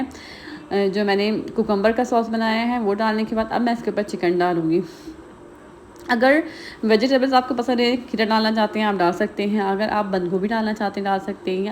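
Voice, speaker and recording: Woman, home cooking voice-over, rapid chatty delivery, mid-pitched voice, faint noise in the background. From Pakistan. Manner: rapid, chatty, heavy use of filler phrases. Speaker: cooking vlogger. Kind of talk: recipe voice-over narration.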